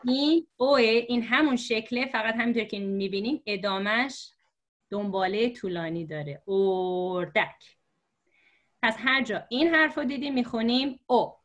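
A woman teacher telling a story to explain letters, patient and slow, with many fillers. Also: a little high, animated, fairly bright tone, dull audio. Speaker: religious script teacher. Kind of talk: storytelling lesson for learners.

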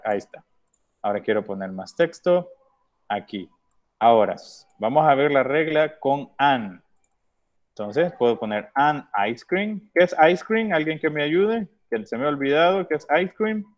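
A man's voice: mid-range voice, muffled recording. Male teacher for a kids' English lesson, patient and repetitive. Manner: patient, repeats words often. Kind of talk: online class instruction.

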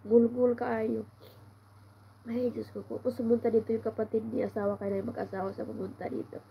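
A woman's voice: on the high side, fairly even intonation, very fast, highs cut off, slight background noise. A woman with a cold-congested voice tells a rambling, casual story at home, sighing often as she complains. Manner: meandering, with frequent sighs of complaint. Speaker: vlogger.

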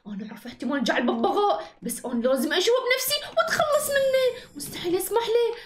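A woman voicing a scheming, vengeful young woman villain in an animated game movie, gloating and cackling. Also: very high voice, rapid-fire. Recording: echoey room with background music.

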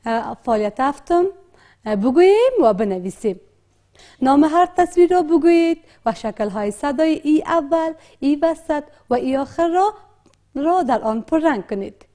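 Speaking with an Afghan Dari accent, a woman leads a classroom literacy lesson, spelling out and repeating words patiently amid frequent hesitations. Her high-pitched voice has a mellow quality and lively intonation.

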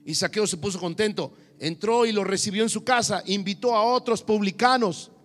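A pastor preaches with a high, ringing voice, dropping low and then surging loud for emphasis. His words trail off into the long reverb of a church hall. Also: moderate pace. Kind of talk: sermon.

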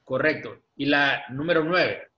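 A man teaching an English class in Spanish, patiently repeating words slowly for pronunciation over a video call. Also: on the high side. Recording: dull lo-fi video-call audio.

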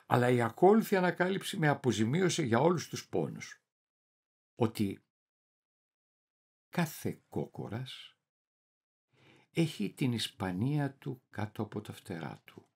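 A man performing a theatrical reading as a deluded, paranoid middle-aged clerk, swinging wildly between shouting and muttering. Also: mid-range voice, very animated, gravelly, long pauses, breathy edge, full character voice. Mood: conspiratorial. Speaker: reader of a dramatic monologue.

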